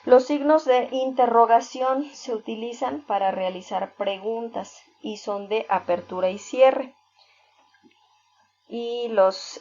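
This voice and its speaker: A woman teacher walks through a lesson at a slow, unhurried pace, explaining patiently step by step with worked examples. The recording is dull and lo-fi. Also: mid-range voice, a little mellow, a little hiss or hum. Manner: fills pauses with "este". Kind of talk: recorded reading-skills lesson.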